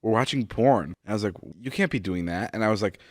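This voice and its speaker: A man's voice: fairly low pitch, fast, no room sound, studio quality. A man in his twenties co-hosting a podcast, rambling through stories in casual chat, full of "like" and swearing. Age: 20s. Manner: rambling storyteller, lots of "like" and swearing. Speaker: podcast co-host.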